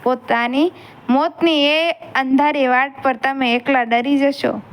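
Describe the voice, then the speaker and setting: A woman's voice: high voice, steady tone, slow. A woman voicing a grieving young widow who pleads tearfully with her mother-in-law. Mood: pleading grief.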